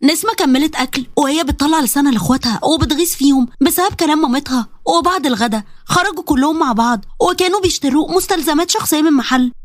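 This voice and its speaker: A woman with an Egyptian accent narrating a story briskly. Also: high-pitched, no echo, clean studio sound. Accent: Egyptian Arabic.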